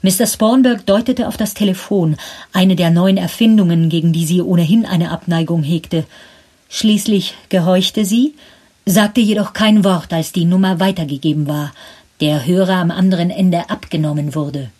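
A woman narrating a story in measured scripted storytelling with a husky voice. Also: on the low side, dark tone.

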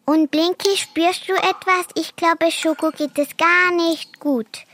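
Fields: Figure: timid turtle voiced by a woman. Style: children's audio story. Pitch: high. Timbre: bright. Pace: slow. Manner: stammers when frightened. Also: steady tone, no room sound, heavily acted. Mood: urgent. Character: timid, fast-scared turtle with a turbo shell.

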